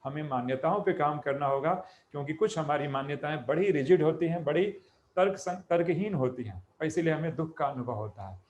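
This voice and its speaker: A man's voice: fairly high pitch, brisk, darkish tone. A man as a spiritual teacher giving an explanatory talk, defining each term and then repeating it in plain words, asking questions and answering them himself. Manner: explains step by step, repeats terms with Hindi glosses; asks and answers his own questions.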